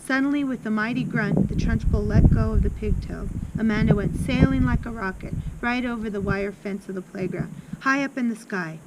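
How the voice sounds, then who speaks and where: A woman reading a children's book aloud, expressive, with small slips and restarts. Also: fairly high pitch, normal speed, few pauses. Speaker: reader. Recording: loud background noise with passing traffic.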